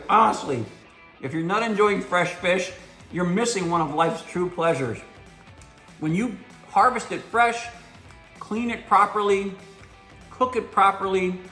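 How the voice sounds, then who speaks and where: A man's voice: fairly high pitch, fairly bright tone, roomy sound. Enthusiastic man hosting a fishing vlog. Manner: enthusiastic, savoring, folksy. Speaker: host. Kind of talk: casual cooking and tasting vlog.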